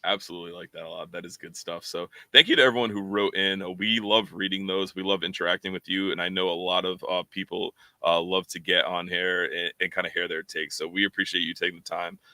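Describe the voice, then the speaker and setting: A man's voice: low-pitched, fairly even intonation, fast, few pauses, pushed and bright, no room sound. A man co-hosting a fan podcast, chatting casually and rambling with lots of fillers and repeated words. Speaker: podcast co-host.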